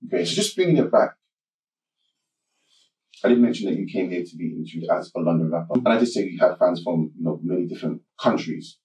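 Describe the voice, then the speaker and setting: Brief: low-voiced male interviewer, heard from off-mic in a roomy space. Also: animated, a little mellow, distant mic. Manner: measured, recaps before asking. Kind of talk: interview questions.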